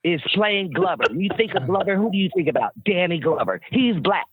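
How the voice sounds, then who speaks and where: A woman with a very deep, breathy-edged voice appears as a guest in a casual interview chat, telling stories bluntly and with plenty of profanity. She's expressive and talks fairly quickly. There's no room sound, but the line has a tinny, phone-like quality.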